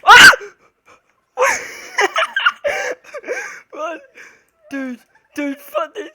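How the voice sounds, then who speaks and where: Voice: mid-range voice, expressive, moderate pace, pushed and bright. A scared horror game streamer chatting casually and swearing with a co-player, jumpy and panicky, moving between nervous muttering and shrieks. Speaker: gamer playing an online horror game.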